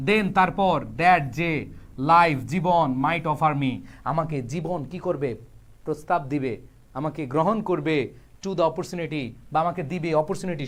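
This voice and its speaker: A young man with a colloquial Bangladeshi Bengali accent, teaching an English text line by line and joking with his students. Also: high voice. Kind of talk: online exam-prep lesson.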